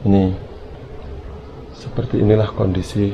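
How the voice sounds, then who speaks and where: A man's low-pitched voice comes through clearly noisy outdoor sound as he addresses his viewers in a casual vlog. His delivery is hesitant and uneasy, with a gravelly creak running through it. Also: little pitch movement, unhurried, mellow, lo-fi sound. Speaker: vlogger, channel host. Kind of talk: casual spoken exploration vlog. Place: outdoors around an overgrown empty house. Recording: noisy outdoor handheld recording, ambient hum.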